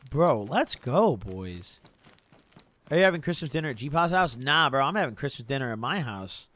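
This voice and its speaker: A man's voice: a little high, lively intonation, fast, bright, forceful tone. A young man chatting casually on a gaming live stream in a slangy frat-bro manner, swearing freely and calling everyone bro and dude. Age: young adult. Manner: frat-bro slangy, laid-back hype with "bro", "dude", "boys".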